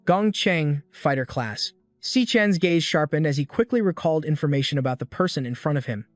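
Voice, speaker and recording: A man narrating a scripted story recap in a steady storytelling read. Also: on the high side, a little fast, no echo, soft background music.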